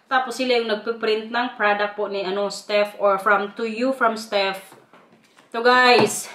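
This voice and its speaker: A woman with a Waray accent vlogging in a casual, chatty way, her high voice carrying a roomy echo. She keeps turning to her viewers as she talks, a mother sharing her day. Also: a bit bright. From Eastern Visayas, Philippines. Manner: chatty, keeps addressing viewers as "guys", with frequent laughs.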